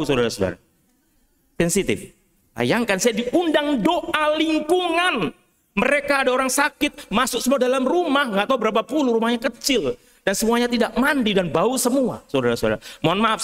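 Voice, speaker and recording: High-voiced priest telling stories in a sermon. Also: male voice, quick pace. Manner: lively storytelling with humorous asides, often calling out to the congregation. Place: cathedral church.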